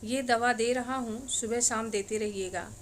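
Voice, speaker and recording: A woman voicing a middle-aged male doctor who gives instructions gravely. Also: on the high side, steady tone, a little slow, slight background noise, close to an everyday voice.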